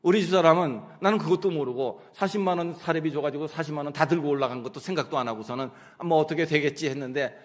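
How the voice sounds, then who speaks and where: A middle-aged man preaching a sermon, telling personal stories in an animated way and acting out his own prayers and conversations. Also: a little high, fast, hardly any pauses. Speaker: pastor. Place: church sanctuary. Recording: long church hall reverb.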